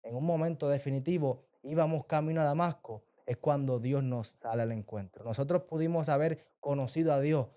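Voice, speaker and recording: A man hosting a faith interview, asking questions slowly with hesitant fillers. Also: on the high side, dark tone. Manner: slow, halting questions with fillers. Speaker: host.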